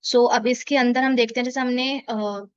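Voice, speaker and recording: A woman teaching a beginner language lesson, explaining patiently and repeating words slowly and drawn out. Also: on the high side, steady tone, smooth, dry recording, muffled recording. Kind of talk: explaining a beginner lesson in Hindi-English mix.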